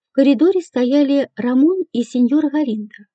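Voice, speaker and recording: A female audiobook narrator reading in a measured, even way. Her voice sits high with a very dark, mellow timbre. The recording is dry and dull, a little lo-fi. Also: dry recording.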